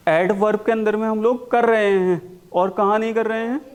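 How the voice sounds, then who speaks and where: A man teaching a spoken English class, mixing Hindi and English and slowly repeating words for his students to copy. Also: sits high, steady tone. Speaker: English communication coach.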